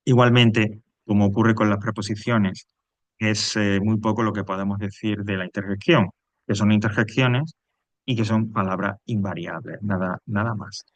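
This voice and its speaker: A man's voice: on the low side, fairly even intonation, normal speed, dry recording. A man with a Peninsular Spanish accent explaining grammar as a teacher in a recorded lesson, hesitant, with frequent fillers and checking questions.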